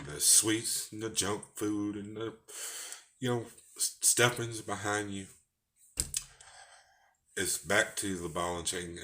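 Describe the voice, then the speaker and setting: A man with a Texas twang talks through a casual personal vlog in a rambling, folksy way. His voice sits very low. His tone is bright and forceful. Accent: Texan. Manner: rambling, folksy, with false starts. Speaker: vlogger.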